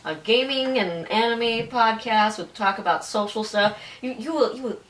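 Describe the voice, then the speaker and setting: A woman's voice: fairly high pitch, normal speed, a bit bright. A woman in her thirties chatting on a gaming podcast, teasing and challenging her co-hosts. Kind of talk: casual gaming podcast chat. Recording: roomy distant mic with faint noise.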